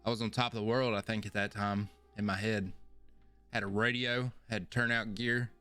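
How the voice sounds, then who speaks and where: A man hosts a podcast and tells his own story in a loose, rambling way, often poking fun at himself and repeating phrases as he goes. His voice sits a little low and comes through smooth and clear. A soft layer of music plays faintly behind him. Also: level tone, normal speed. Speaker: podcast host. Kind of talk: casual storytelling monologue.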